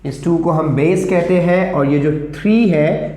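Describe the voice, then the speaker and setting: A man teaching maths, explaining slowly and repeating himself as he switches between English and Hindi. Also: on the high side, mellow. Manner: slow, repetitive explaining, calls students beta. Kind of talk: classroom lesson mixing English and Hindi. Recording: echoey room.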